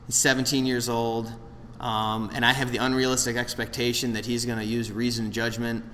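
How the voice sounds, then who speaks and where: Late-30s man, bright forceful tone, rambling self-deprecating share, echoing meeting hall. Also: mid-range voice, little pitch movement, moderate pace. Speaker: speaker sharing at a recovery meeting. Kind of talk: candid personal share. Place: meeting room with an audience. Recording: roomy hall, faint background noise.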